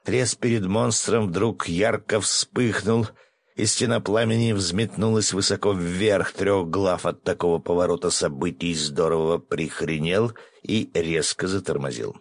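A man narrating a first-person adventure audiobook, brisk with coarse asides. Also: deep voice, fairly even intonation, no room sound.

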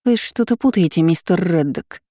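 A reader voicing a jealous young woman in an audiobook, shrill and breaking with tears. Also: expressive, moderate pace, mellow, no echo, clean studio sound, natural voice. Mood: defiant. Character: tearful jealous young woman, fiery and desperate. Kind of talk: audiobook character voice.

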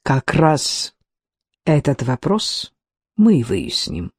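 A reader voicing a cold, composed gentleman who speaks slowly and evenly. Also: medium pitch, sing-song, slightly rough, no echo, clean studio sound, exaggerated voice. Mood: icy. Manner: slow, level, icy. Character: cold, composed older gentleman, icily formal.

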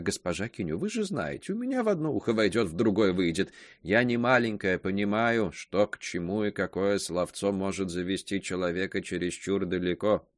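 A man's voice: lowish voice, dry recording, clean studio sound. A man reading aloud voicing a gossipy old spinster woman who talks in sly, insinuating hints. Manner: insinuating, drawn-out pauses.

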